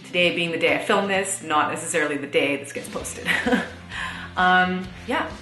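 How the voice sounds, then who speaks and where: 30 yo woman chatting to her camera, lowish voice, lots of likes and laughs, echoey room w faint music. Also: moderate pace, sharp tone. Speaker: vlogger. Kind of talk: casual chat to camera.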